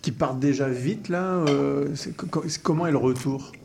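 A man's voice: medium pitch, moderate pace, vocal fry, mellow, slight background noise. A man with a French accent hosting a radio tasting show, thinking aloud and repeating words as he talks. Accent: French from France. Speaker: radio host. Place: radio studio.

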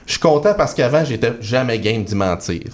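A man's voice: mid-range voice, expressive. Quebec guy telling goofy stories on the radio, voice bounces all over, pokes fun at himself. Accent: Quebec French. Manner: self-mocking storyteller, quick asides. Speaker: guest columnist. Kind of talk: comic radio chronicle, casual banter. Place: radio studio.

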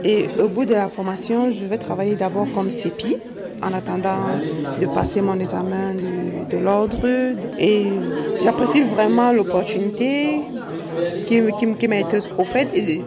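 A woman's voice: mid-range voice, steady tone, a little slow, over loud music, over a noisy crowd. A woman from Cameroon with a Cameroonian French accent, a nurse giving a recorded testimonial, hesitant and repeating her words, with light laughter. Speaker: nurse in a recruitment cohort.

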